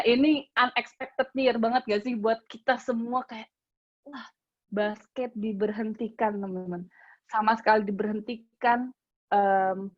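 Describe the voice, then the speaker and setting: A woman's voice: a little high, dry recording, dull audio. A woman in her late twenties tells a personal faith testimony in an earnest, emotional way and acts out her own prayers. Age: late 20s. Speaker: speaker sharing a testimony. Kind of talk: personal testimony to a youth group.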